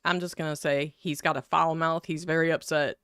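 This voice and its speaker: A woman's voice: sits low, flat delivery, brisk, a bit bright, clean tone, no room sound, clean studio sound. A woman host giving offhand, wry commentary between clips. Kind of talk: casual commentary reacting to clips.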